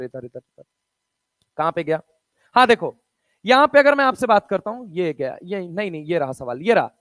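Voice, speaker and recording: A man teaching a chemistry lesson, firing quick questions at students, counting aloud and mixing Hindi with read-out English textbook lines in a casual, chummy way. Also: very high-pitched, fairly bright tone, no echo. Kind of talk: online chemistry lecture.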